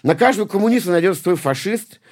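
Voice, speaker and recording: A punk poet and musician from St Petersburg, Russia, in his late forties, rambles casually as an interview guest, swearing heavily, restarting and repeating words. His high-pitched voice is expressive, quick and darkish in tone.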